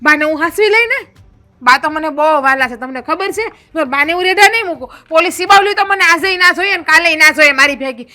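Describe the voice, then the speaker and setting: Kathiawadi Gujarati accent, high bright voice, woman acting as a sharp-tongued young village wife, fast talker. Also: expressive, exaggerated voice. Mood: defiant. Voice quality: quick, scolding, then sugary to her husband. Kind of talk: Gujarati family drama acting.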